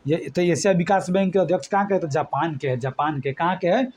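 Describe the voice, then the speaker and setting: A man's voice: a little high, fast, a little mellow, slight background noise. A man from eastern India, teaching an exam-prep lesson with memory tricks. He talks colloquially and keeps quizzing his students.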